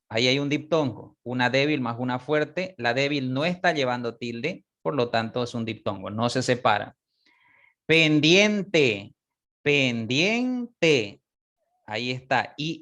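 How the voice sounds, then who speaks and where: A man teaching a class, explaining step by step, repeating example words slowly and often checking that students follow. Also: medium pitch, a bit bright. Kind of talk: online class lecture.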